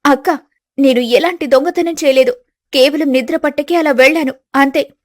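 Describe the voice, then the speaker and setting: A woman voicing a meek young wife in an animated story who has been wrongly accused, speaking softly and pleadingly. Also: high voice, moderate pace, close to an everyday voice. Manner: pleading, soft.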